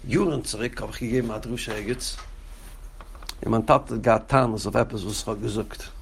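Male rabbi leading a study class, unhurried and rambling, some fry in the voice, slight hiss behind. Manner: addresses students directly by name; chants quoted texts in a raised, sing-song pitch. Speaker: rabbi teaching a Torah class. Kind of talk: Torah class lecture.

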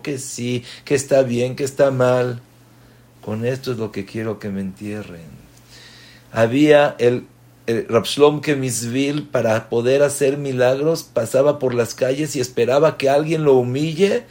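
A man, a rabbi giving a lesson, retelling stories and acting out the quotes. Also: mid-range voice. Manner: slow, animated retelling with voiced quotes. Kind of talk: Torah lesson storytelling.

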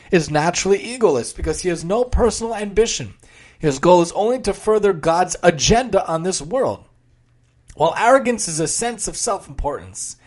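A man giving a religious talk, telling a story aloud in an expressive, dramatic way. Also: high voice. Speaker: religious speaker. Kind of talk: sermon with a story read aloud.

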